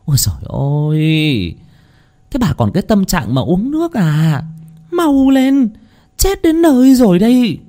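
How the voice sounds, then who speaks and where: Man putting on a shrill old woman, frantic, loud, wildly swinging pitch. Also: very animated, moderate pace. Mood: urgent shouting. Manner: shrill, urgent, shouting loudly into a deaf ear. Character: frantic shouting old village woman neighbor.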